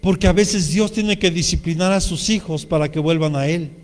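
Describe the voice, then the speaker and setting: A man's voice: on the high side, moderate pace, long reverb tail, faint music behind. A man with a Mexican accent preaching a sermon as pastor, speaking earnestly and addressing the congregation directly. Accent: Mexican Spanish.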